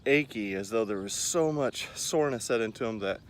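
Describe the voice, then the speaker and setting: Low-voiced man in his forties, vlogging outdoors. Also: animated, brisk. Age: 40s. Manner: rambling, self-deprecating, talking while pacing around. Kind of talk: casual running vlog chat to camera. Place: outdoors in a park by a lake. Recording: clear outdoor ambient noise.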